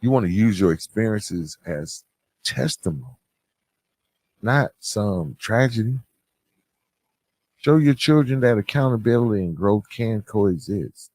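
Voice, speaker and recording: Addressing his audience head-on, a male podcast host delivers motivational talk in a conversational manner and hits key words hard. His voice is mid-range and darkish, recorded dry.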